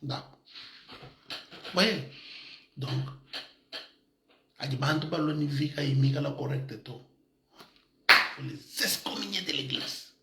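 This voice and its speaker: A man preaching an animated sermon as a pastor, lively and often laughing, mixing in African words. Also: fairly high pitch, slow pace, long pauses, reverberant, very noisy. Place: church in Madrid.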